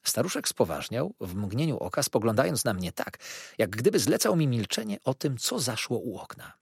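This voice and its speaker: A man's voice: medium pitch, sing-song, normal speed, creaky, slightly rough, no echo, studio quality. A man reading a novel aloud as an audiobook narrator, telling the story expressively. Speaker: audiobook reader. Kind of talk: scripted narration.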